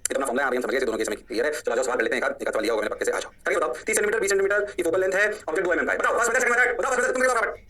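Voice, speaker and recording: A male physics teacher giving a lecture in a high, bright voice. He talks energetically, asks the class questions and then answers them himself. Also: rapid-fire. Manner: energetic, repeats points and answers his own questions for the class. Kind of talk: online lecture.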